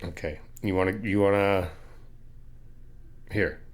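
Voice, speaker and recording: Taking his time, a man with a low voice performs an ASMR friend roleplay aimed at the listener. Expect frequent laughter, a playful, encouraging manner and calm explanations broken into steps.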